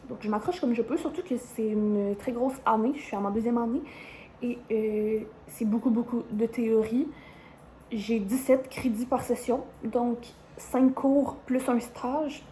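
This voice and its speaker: A young woman with a Quebec French accent talks casually to her camera, rambling and filling pauses with little hesitations. Her voice sits a bit high but sounds mellow and soft-edged. A faint hiss lies under the recording. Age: 20s. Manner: chatty, rambling, frequent "euh" and "genre" fillers. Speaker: vlogger, university student.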